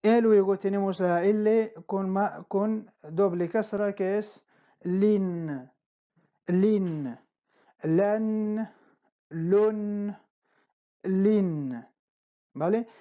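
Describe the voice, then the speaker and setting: A patient teacher talks at a very slow pace, stretching out each syllable. The tone is dark and mellow, and the recording sounds dull and lo-fi. Each word is repeated several times, with frequent checks of "¿vale?". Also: medium pitch. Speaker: Arabic teacher. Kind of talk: slow spelling-out lesson.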